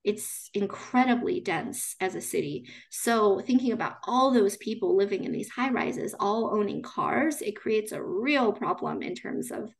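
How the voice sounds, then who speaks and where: A woman's voice: mid-range voice, expressive, measured pace, creaky, few pauses. Chatty young woman from China. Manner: talks in restarts with frequent "you know" and "right?". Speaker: speaker answering questions after a talk. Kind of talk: casual conversation.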